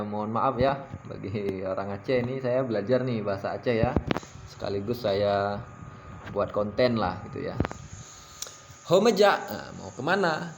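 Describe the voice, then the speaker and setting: A man from South Sumatra in Indonesia gives a casual, halting lesson, full of fillers and repeated phrases. He jumps up in pitch each time he says an example word, and he is apologetic about his pronunciation. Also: background noise. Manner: apologetic, pitches up sharply when saying example words. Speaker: language-learning vlogger. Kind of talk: casual teaching monologue.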